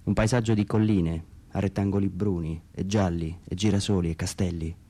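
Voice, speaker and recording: A man from Umbria, Italy, reads his own text dramatically for radio theatre in a deep, mellow voice with a breathy edge. His pace is moderate and his tone steady, yet the delivery is brooding and theatrical, at times sinking almost to a whisper.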